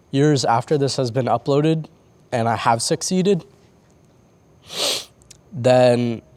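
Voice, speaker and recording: A young man talks into his camera outdoors on a rooftop in the middle of the night. His speech is halting and full of false starts, laced with casual swearing, and he sounds close to tears. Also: mid-range voice, darkish tone, smooth. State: tearing up. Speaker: vlogger. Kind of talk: late-night confessional vlog. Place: on a roof outdoors.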